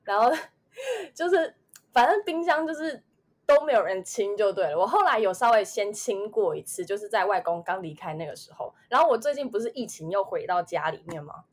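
A young woman with a Taiwanese Mandarin accent recounts a personal memory on a chatty podcast. She talks in loose, rambling runs full of fillers and trailing asides, in a mid-pitched voice. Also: animated, fairly quick. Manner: rambling, many fillers, emotional recollection. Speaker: podcast co-host. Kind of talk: casual chat, personal storytelling.

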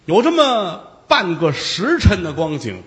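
A male storyteller spins a traditional tale, theatrical and chatty, breaking off for asides. His pitch is slightly high and swings widely. A long hall reverb trails behind him. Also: wildly swooping pitch, unhurried, fairly bright tone. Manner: colloquial, theatrical, digressive asides.

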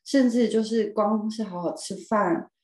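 A woman tells her own story as a podcast guest. She speaks expressively, with emphatic repeats and bursts of laughter. Her voice is mellow and a little dark, and it carries a roomy echo. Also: mid-range voice, measured pace. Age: 40s. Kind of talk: personal storytelling in a podcast interview.

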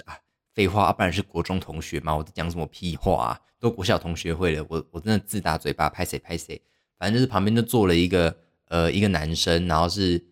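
A young man, hosting a podcast and telling a story casually, rambling and poking fun at himself with lots of fillers. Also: deep voice. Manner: rambling, self-mocking, heavy use of fillers. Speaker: podcast host.

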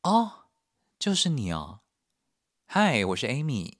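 A man's voice: mid-range voice, huge pitch swings, slow, no room sound, clean studio sound, voice pushed up, full character voice. A man doing a sing-song polite hostel clerk lady. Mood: chirpy. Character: polite young woman hostel clerk, sweetly apologetic.

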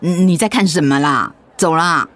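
In a radio drama, an actress plays a sensitive middle-aged wife who is affectionate but easily hurt, pouting and questioning in a Taiwanese accent. Her female voice is low-pitched, unhurried, and fairly bright, with no echo. She sounds annoyed.

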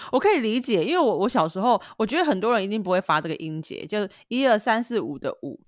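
A woman's voice: medium pitch, sing-song, quick pace, no echo, clean studio sound. A woman in her thirties from Changhua, Taiwan, speaking Taiwanese Mandarin and co-hosting a casual remote podcast chat, teasing and laughing. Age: 30s. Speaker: podcast co-host. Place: home, recorded remotely.

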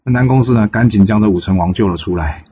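Relaxed male storyteller, chatty retelling, dull lo-fi recording. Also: on the low side, quick pace, slightly rough. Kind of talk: storybook narration.

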